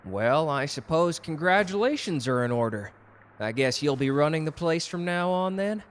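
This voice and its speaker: A fairly high-pitched male voice, clean in tone and lightly acted, moves at normal speed with animation. He portrays a cocky yet gallant and protective customer in a romantic roleplay audio drama, flirting teasingly in a friendly mood, suave and intimate in a one-sided conversation.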